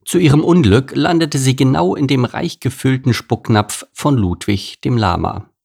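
A man's voice: medium pitch, normal speed, gravelly, darkish tone, husky. A man reading a children's animal story aloud as its narrator.

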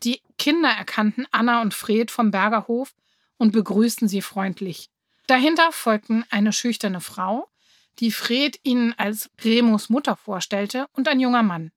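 A woman calmly narrating a children's story. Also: fairly high pitch, a little slow, no echo, studio quality. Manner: calm, clear storytelling. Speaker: reader.

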